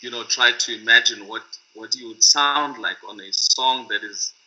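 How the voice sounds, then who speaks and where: A man's voice: medium pitch, normal speed, sharp tone. A middle-aged man and music producer, reflecting thoughtfully and hesitantly, often searching for his words. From South Africa. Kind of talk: reflective talk to camera. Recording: dull lo-fi recording.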